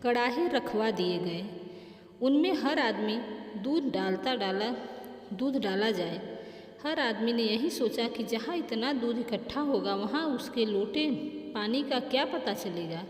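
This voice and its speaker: A woman's voice: fairly high pitch, animated, measured pace. A woman reading children's folk stories aloud as storyteller, carefully and with restarts. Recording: echoey room with long reverb.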